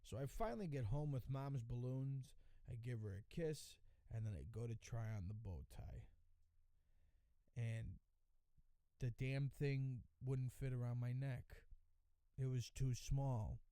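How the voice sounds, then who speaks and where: A man's voice: medium pitch, unhurried, mellow, no room sound. A man hosting a podcast, telling a comic story in a wry, exasperated and profane way. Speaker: podcast host. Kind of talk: comedic storytelling monologue.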